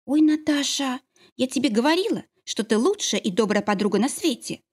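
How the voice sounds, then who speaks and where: A woman voicing a young pregnant woman, joyful and tearful, in a high excited voice. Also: brisk, breathy edge. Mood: tearful happy.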